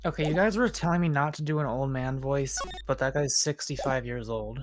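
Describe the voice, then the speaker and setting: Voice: mid-range voice, a little fast. A person chatting casually as a co-commentator on a video game playthrough. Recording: game music clearly behind the voice.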